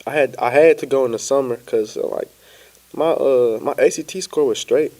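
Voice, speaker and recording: A young man from Florida, a podcast guest telling his story in an easygoing, relaxed way. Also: mid-range voice, normal speed. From Pensacola, Florida. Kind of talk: casual interview chat.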